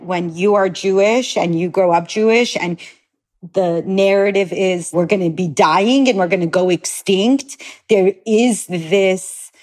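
A woman's voice: medium pitch, a little mellow. A woman in her forties, a guest telling her family story in an earnest, reflective way. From born in Iran, raised in Los Angeles. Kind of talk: personal storytelling.

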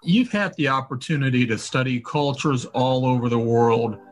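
A man's voice: medium pitch, normal speed, faint music behind. A man co-hosting a podcast, putting interview questions to a guest.

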